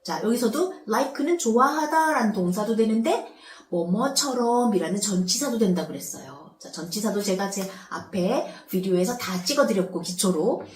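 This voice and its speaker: A woman teaching English grammar online, explaining step by step and reading English phrases slowly before translating them. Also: medium pitch, expressive, darkish tone, echoey room, slight background noise. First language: Korean.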